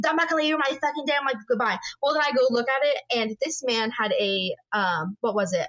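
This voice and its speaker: Young woman podcast host, kinda high voice, dull lo-fi sound, swears a lot. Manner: animated storyteller, swears a lot. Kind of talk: casual chat.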